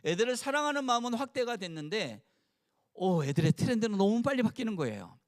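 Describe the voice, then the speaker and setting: Casting: man in his 60s, pastor, fairly high and very animated voice, playful and engaging with the crowd. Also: fast. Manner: animated, playful, has the audience repeat phrases. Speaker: pastor and longtime teacher. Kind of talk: sermon to a mothers' gathering. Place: church, before a live audience.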